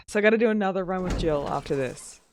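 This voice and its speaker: A woman streams a game and chats casually with her viewers as she plays, sounding a little sleepy and stretching out her greetings. Her voice sits on the low side, and there's noise in the background.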